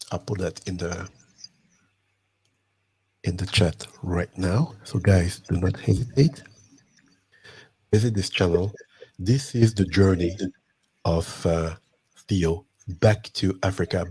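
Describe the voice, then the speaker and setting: A man's voice: low voice, dark tone, husky. A man from Guadeloupe hosting a live online show, talking casually and eagerly, often repeating himself as he urges viewers on. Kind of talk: live stream chat.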